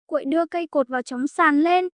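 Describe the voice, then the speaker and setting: A woman reads a folk tale aloud in a high, light voice. The sound is dry and close, with no room around it. She keeps every character in her own voice rather than acting them out. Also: fast, no echo. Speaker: storyteller.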